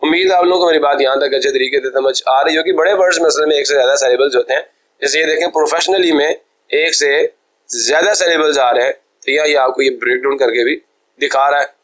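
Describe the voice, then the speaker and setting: A young man teaching a software tutorial, explaining step by step, slipping English terms into his speech and often checking that viewers follow. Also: on the high side, fast talker. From Pakistan. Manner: mixes English terms into Hindi-Urdu speech; polite, deferential address to viewers. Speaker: computer teacher. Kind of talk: screen-recorded software tutorial.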